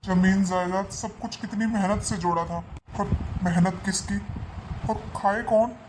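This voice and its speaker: A man playing a gentle old father who is helpless and resigned, speaking softly in a family drama. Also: high-pitched, steady tone, measured pace, background noise. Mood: despairing. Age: older. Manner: soft, resigned.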